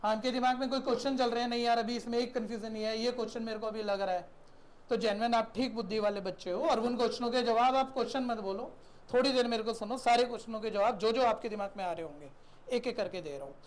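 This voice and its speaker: A man's voice: very high voice, steady tone, quick pace. A man teaching a math class in a conversational lecture style, often checking in with his students and asking them questions.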